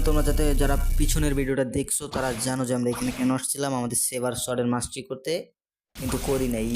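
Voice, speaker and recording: A man's voice: medium pitch, background noise. Chatty Bangladeshi gamer guy. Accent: Bangladeshi Bengali. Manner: chatty, rambling, mixes English phrases. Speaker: gaming YouTuber. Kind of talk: casual gameplay commentary.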